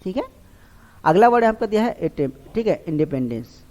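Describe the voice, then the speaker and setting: A man's voice: high-pitched, very animated, moderate pace, a little mellow. A man teaching a vocabulary lesson for exam preparation. He asks himself questions aloud and repeats each answer. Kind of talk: online exam-prep lesson. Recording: long hall-like reverb.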